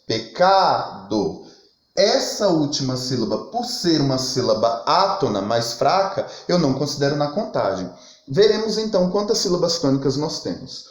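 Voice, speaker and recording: A man teaching a literature lesson, reading verse lines aloud and counting syllables in a slow, methodical way. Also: fairly high pitch, big pitch swings. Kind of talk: recorded lesson explaining poetic meter. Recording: echoey room.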